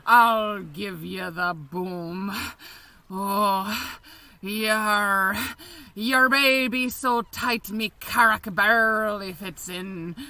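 A woman's voice: medium pitch, bright, forceful tone, heavily acted. A woman voicing a bawdy, domineering female pirate captain in a stage-pirate brogue with growled arrs, mocking and commanding. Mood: gloating. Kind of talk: adult audio roleplay.

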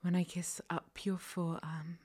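Woman, ASMR roleplay; slow, low whisper, commanding yet tender, warm breathy tone. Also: flat delivery.

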